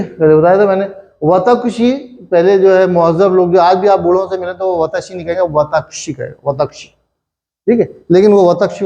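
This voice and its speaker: A man's voice: sits high, dark tone. A middle-aged man from Pakistan with an Urdu-speaking Pakistani accent, teaching a chatty, repetitive Japanese grammar lesson and checking in with the class often. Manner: chatty, repetitive, with many "thik hai" checks.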